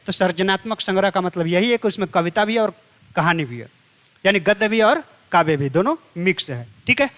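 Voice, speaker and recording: A man's voice: high-pitched, animated, a little fast, a bit bright. A male teacher explaining a textbook chapter step by step in an exam-prep lesson, repeating key phrases to his students. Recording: long hall reverb.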